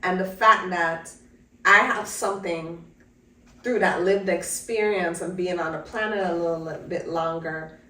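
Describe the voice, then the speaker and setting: A woman's voice: fairly low pitch, fairly even intonation, a little slow, bright, forceful tone. A woman in her fifties from Jamaica, co-hosting a podcast and telling family stories in a reflective, casual way. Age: 50s. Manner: reflective, storytelling with many "like" fillers. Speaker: podcast co-host. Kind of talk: casual conversation. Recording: roomy sound from a distance.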